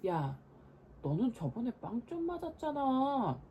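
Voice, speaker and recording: A woman's voice: fairly high pitch, very animated, husky, muffled recording, pitched above the performer's own voice, heavily acted. A woman voicing a boy who acts grown-up and mock-serious in a storybook. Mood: smug. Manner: slow, mock-serious, adult-like. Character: know-it-all big brother, acting grown-up.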